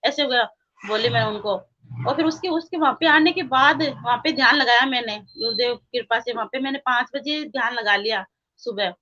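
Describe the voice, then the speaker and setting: A woman's voice: fairly high pitch, fairly quick, pushed and bright. Earnest woman over a dull lo-fi line. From India. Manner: earnest, repetitive, quotes her own prayers. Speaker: guest devotee. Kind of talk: spiritual testimony, casual.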